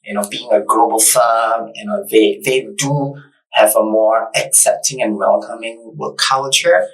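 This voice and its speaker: A man in his thirties from Malaysia, speaking as an interview guest. He talks in an earnest, reflective way, stopping to restart his sentences. He sits in a bright studio, picked up by a mic set a little way off. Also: fairly low pitch, unhurried, far from the mic, poor audio. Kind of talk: casual interview conversation.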